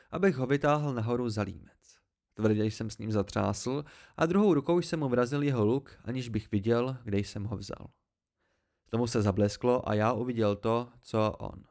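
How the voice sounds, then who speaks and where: Gravelly man reading an audiobook. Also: medium pitch. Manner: reads with rising intensity, shouting out the dialogue. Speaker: audiobook reader. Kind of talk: amateur audiobook narration.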